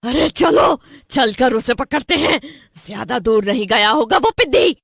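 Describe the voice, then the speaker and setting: A woman voicing a bossy female witch villain in a cartoon story, shouting her lines. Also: fairly high pitch, animated, a little slow, gravelly, breathy edge, no room sound, clean studio sound, voice pushed up, full character voice. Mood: urgent. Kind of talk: cartoon voice acting.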